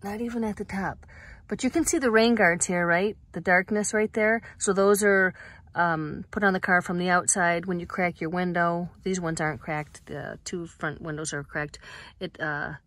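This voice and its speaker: A woman's voice: lowish voice, normal speed, no echo. Chatty woman vlogging from her van. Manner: chatty, upbeat, thinking aloud while showing things. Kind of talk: casual vlog chat. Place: inside a parked minivan, heater running. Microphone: phone camera held or mounted close. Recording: steady heater noise behind.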